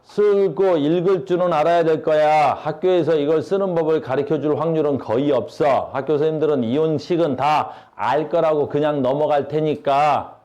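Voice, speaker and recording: A man's voice: fairly high pitch, normal speed, hardly any pauses, mellow. A male science teacher giving a classroom lecture, blunt and slangy, asking his students questions all the time.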